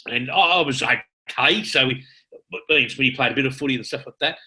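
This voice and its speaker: A man's voice: mid-range voice, fairly quick, pushed and bright. A man casually telling rambling club stories, swearing in passing. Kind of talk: casual storytelling.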